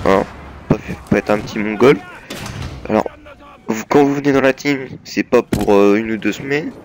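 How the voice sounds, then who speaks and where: A young man with a mid-range voice and a slight cold introduces his gaming team in a casual voice-over over gameplay. He sounds hesitant, full of fillers and restarts, and there's noise in the background.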